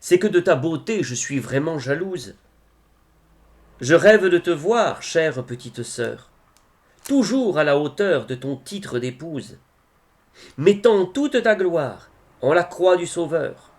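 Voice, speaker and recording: A man with a voice on the high side recites devotional verse solemnly, pacing his expressive lines with measured pauses.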